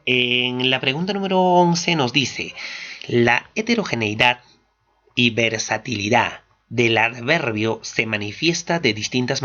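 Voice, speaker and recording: Bright-voiced man explaining exam answers. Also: mid-range voice. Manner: steady explanatory, asks and answers own questions. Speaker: teacher. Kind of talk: exam question walkthrough. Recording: dull lo-fi recording.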